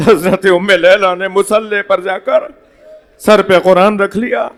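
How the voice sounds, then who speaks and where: High-voiced man in impassioned mourning sermon. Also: steady tone. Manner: impassioned, rising to shouted lament. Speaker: Shia cleric giving a majlis. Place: mosque hall at a gathering.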